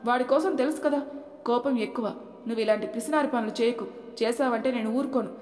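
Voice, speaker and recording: A woman's voice: on the high side, fast talker, a little mellow, lightly acted. A woman voicing a stern but fair older father-in-law who speaks firmly. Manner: stern and firm. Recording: echoey room with long reverb.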